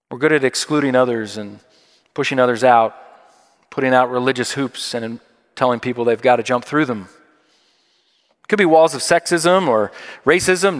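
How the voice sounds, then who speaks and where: A man preaching a sermon in a conversational, emphatic way, repeating key phrases for weight. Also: medium pitch. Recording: long hall reverb.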